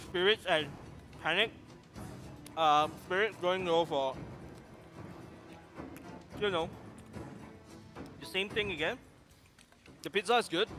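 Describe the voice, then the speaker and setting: A man's voice: high voice, bright, forceful tone. A man casting an esports match in a casual, chatty way, playful and rambling as his attention wanders. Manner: playful, rambling, easily distracted. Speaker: esports caster.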